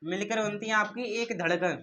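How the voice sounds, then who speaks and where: A man's voice: sits high, moderate pace, pushed and bright, a little hiss or hum. A male teacher giving a classroom lecture. He asks questions and answers them himself, and repeats key terms in a call-and-response drill.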